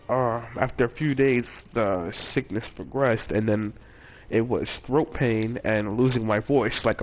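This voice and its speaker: On a rough recording, a young man with a mid-range voice casually recounts something from his own life in a vlogger's rambling style. He restarts often, corrects himself, and relies on fillers.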